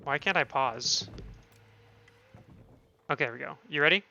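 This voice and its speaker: Bright-voiced man casting esports. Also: on the high side, normal speed, gravelly, highs cut off. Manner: chatty, thinking aloud, self-correcting. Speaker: streamer and caster. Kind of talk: esports commentary.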